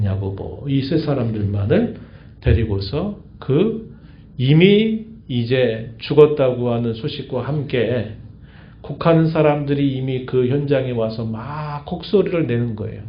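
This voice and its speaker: A man's voice: medium pitch, a little hiss or hum. A man preaches a midweek sermon, explaining scripture in a patient, teaching voice. He puts questions to the congregation and answers them himself. The recording is echoey and a little muffled, like a church service taped in the sanctuary. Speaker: pastor. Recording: echoey church, dull lo-fi sound.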